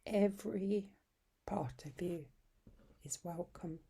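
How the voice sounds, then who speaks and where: Her voice lowish, soft, breathy and husky, this woman leads a guided yoga nidra meditation. Short phrases come slowly and calmly, separated by long soothing pauses.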